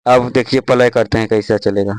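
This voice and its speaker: A man's voice: medium pitch, steady tone, fairly quick, darkish tone, dry recording, rough recording. A young man casually walking viewers through an app, step by step, with lots of "dekhiye" and "thik hai". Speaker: tech tutorial host. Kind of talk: casual screen-recorded app tutorial.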